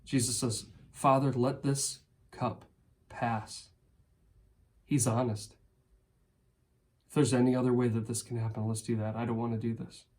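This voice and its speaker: A male pastor delivering a sermon in an earnest, pleading way. His voice sits in a middle register, swelling with emphasis on key words and then falling hushed and slow. He slips into first-person prayers as if speaking them himself. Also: medium pitch, level tone. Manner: earnest, rising to intense emphasis then dropping soft.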